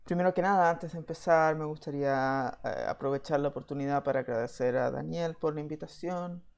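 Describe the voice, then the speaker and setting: Gravelly-voiced man giving a talk. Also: fairly high pitch. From Chile. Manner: measured, with frequent "eh" fillers. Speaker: VFX software engineer giving a talk. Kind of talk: slide presentation lecture.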